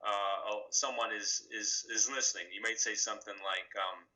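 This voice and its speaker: Male author interviewee, lowish pitch, bright tone, relaxed explainer. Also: normal speed, rough recording. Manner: relaxed and conversational, with fillers. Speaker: author interviewed on regional speech.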